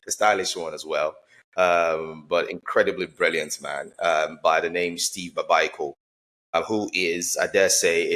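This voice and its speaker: A low-voiced man hosts an interview. He rambles, loading his sentences with fillers and restarts before he gets to the point. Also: a bit bright. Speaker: podcast host. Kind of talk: conversational interview.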